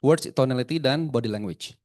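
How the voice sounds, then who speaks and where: A man giving a live sales training seminar, often asking the audience questions, mixing English terms into his talk and swinging his pitch and loudness widely. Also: normal speed.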